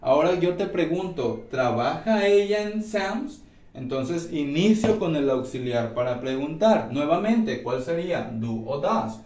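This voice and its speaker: Slow-talking man teaching grammar in an echoey room. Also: on the high side, animated, a little mellow, recorded from a distance. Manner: slow, repeats and checks with "¿sí?". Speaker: English teacher. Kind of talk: classroom grammar lesson.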